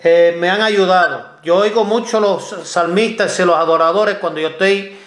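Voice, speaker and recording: A man from the United States hosting an interview, halting and repeating his words. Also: high-pitched, fairly even intonation, fairly bright tone, echoey room. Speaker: host.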